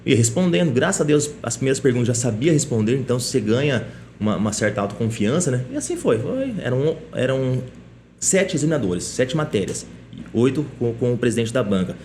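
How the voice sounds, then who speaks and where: Fast-talking man telling a story. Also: medium pitch, slight background noise. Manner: lively anecdotal telling, frequent tag questions. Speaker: police chief, podcast guest. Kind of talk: casual interview storytelling.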